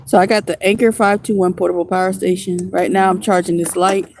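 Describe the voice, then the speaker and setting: On a livestream outdoors in the woods, a vlogger in her mid-thirties chats loosely, frequently laughing and ribbing her audience. She speaks a little fast in a lowish voice with little pitch movement. A faint hiss or hum sits in the background.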